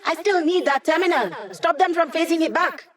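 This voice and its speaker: A woman's voice: very high-pitched, a little fast, fairly bright tone, roomy sound, distant mic. A woman voicing a cocky, playful young female hacker in a video game, with a wry, teasing, self-assured delivery. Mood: urgent, commanding. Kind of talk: video game character voice lines.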